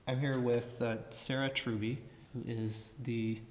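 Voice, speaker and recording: A man's voice: mid-range voice, flat delivery, measured pace. A man hosting a casual podcast interview, his voice echoing around a big underground cave room. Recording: echoey cave, long reverb, dull sound.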